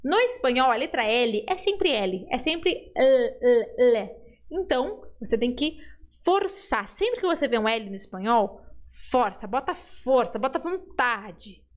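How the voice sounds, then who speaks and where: Woman, high voice, Portuguese speaker, teacher coaching pronunciation with lively, patient repeats. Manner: lively, coaxing, drills words slowly and asks the viewer to repeat. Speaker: Spanish teacher. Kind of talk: pronunciation lesson.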